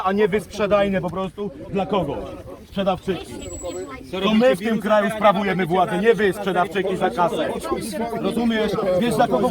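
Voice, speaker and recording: A man with a very high voice argues with police in the street. He lectures combatively and repeats himself. A crowd is loud behind him. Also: far from the mic. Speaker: protester confronting police. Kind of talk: heated street argument. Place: outdoor street protest. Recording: loud crowd noise outdoors. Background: crowd of people.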